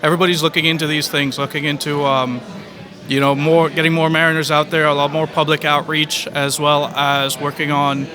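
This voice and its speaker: A young man from Trinidad and Tobago, speaking as a cadet, answers fluently with the odd "you know". His voice sits slightly high. A busy crowd chatters behind him. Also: flat delivery, fairly quick. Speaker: college cadet. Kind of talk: casual interview answer.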